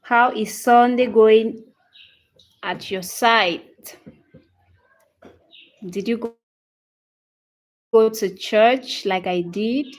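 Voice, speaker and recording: A Cameroonian-accented English teacher in her thirties hosts a casual livestream lesson, greeting viewers by name and replying to their comments one at a time. Her voice is on the high side and very slow, with long pauses, and she repeats phrases and checks in with "okay?"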